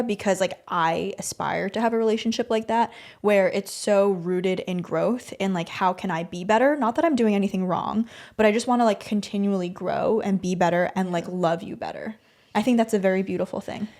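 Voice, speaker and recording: Animated, teasing woman podcast co-host. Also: medium pitch. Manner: animated, teasing, fast filler-heavy talk. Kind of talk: casual chat.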